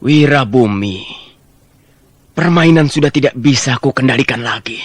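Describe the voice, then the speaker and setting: An actor playing a scheming, stern royal minister who speaks in a commanding, measured way in a radio drama. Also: male voice, mid-range voice, expressive, husky, no room sound. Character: scheming middle-aged male minister, stern, calculating.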